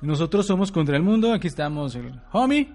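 A man's voice: fairly high pitch, sing-song, a little fast, dark tone. A man with a northern Mexican accent co-hosting a podcast in casual, slangy chat, joking and laughing a lot. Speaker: podcast co-host.

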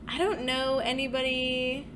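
A woman co-hosting a podcast in casual, comedic chat, chatty and quick to laugh. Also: high voice, level tone, a bit bright, a little hiss or hum. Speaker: podcast co-host.

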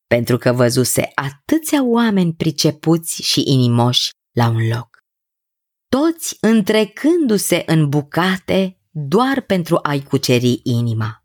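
A woman narrating a children's fairy tale in an expressive, sing-song way. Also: extremely low pitch, no room sound, clean studio sound. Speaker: storyteller.

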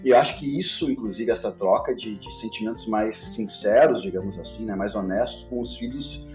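A man who hosts a podcast and talks briskly, often adding tag questions. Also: on the low side, a little mellow, soft background music. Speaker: podcast host. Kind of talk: podcast conversation.

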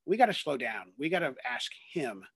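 A man's voice: mid-range voice, sing-song, normal speed, fairly bright tone, slightly rough. A man in his thirties, a ministry worker and guest, talking earnestly in a rambling way with many fillers and restarts. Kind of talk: conversational testimony.

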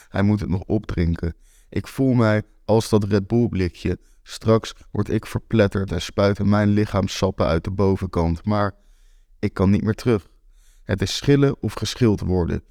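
A man's voice: on the low side, vocal fry, warm tone, no echo, clean studio sound. A man reading a first-person story as an anxious, racing inner monologue.

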